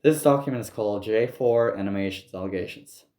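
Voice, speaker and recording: A man ranting in commentary, angry and profane, halting with frequent restarts. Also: on the low side, dark tone, reverberant. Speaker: commentary youtuber.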